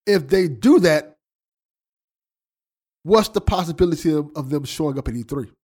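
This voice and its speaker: Male co-host, a bit higher pitch, easygoing but opinionated. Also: moderate pace, darkish tone, breathy edge. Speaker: podcast co-host. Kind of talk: casual podcast chat.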